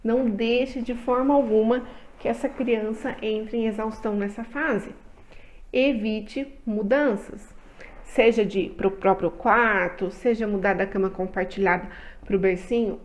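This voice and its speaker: A woman with a Brazilian accent giving calm advice to parents, often checking in with "tá?". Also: fairly high pitch, a little slow. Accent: Brazilian Portuguese. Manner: gentle advice with frequent "tá?" check-ins. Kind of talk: talking to parents.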